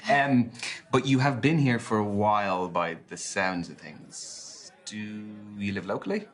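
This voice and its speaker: Awkward Irish speed dater. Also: male voice, lowish voice, unhurried. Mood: awkward, joking. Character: awkward, sarcastic young man on a speed date. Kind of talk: live-action game acting.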